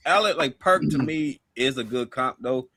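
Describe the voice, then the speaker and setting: A man's voice: medium pitch, normal speed, sharp tone, husky, no echo, clean studio sound. A man co-hosting a casual sports talk show, asking pointed questions and repeating phrases.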